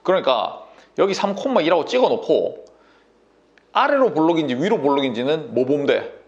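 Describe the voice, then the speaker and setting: A man running a math lesson in blunt, casual speech, forever checking whether the student follows. His voice is gravelly and a bit high, and it swings up and down with energy. His throat is sore. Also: sing-song, moderate pace, lo-fi sound. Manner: bossy, coaxing banmal, constant checks like "인정?" and "됐니?". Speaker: math tutor.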